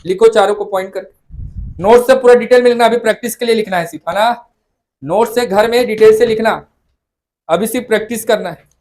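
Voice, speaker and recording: Man, high voice, coaching teacher, classroom lecture, repeats facts to drill them, teasing, mixes in English terms. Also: brisk, a little mellow. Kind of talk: classroom lecture for exam prep. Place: classroom with students.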